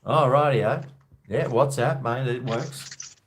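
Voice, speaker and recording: A man's voice: medium pitch, slow, a little hiss or hum. An Australian man hosting a call-in chat, joking with callers in a blokey, slangy way. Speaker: host of a live call-in show.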